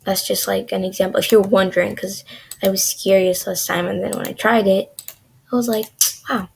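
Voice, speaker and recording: A woman's voice: medium pitch, level tone, normal speed, gravelly, husky. A young woman teaching a beginner coding lesson in a chatty, loose way, full of "like" and "um". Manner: chatty, filler-heavy, says "like" a lot. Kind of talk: casual screen-recorded coding lesson.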